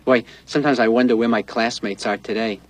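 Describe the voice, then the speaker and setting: A man's voice: medium pitch, fairly even intonation, a little fast, lightly acted, low-quality recording. A man playing a neurotic New comedian. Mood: wry. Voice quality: nervous, rambling, stammering. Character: neurotic, wisecracking middle-aged male comedian. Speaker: comedian narrating his life. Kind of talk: film voice-over and dialogue.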